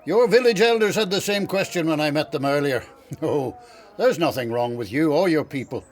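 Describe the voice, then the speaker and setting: A man voices an elderly prophet in a radio play, wise and kindly. He talks slowly and reassuringly, with a slightly raised pitch and a voice that moves a lot. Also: expressive, lightly acted. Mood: grave. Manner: measured, gently reassuring. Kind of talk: radio drama acting.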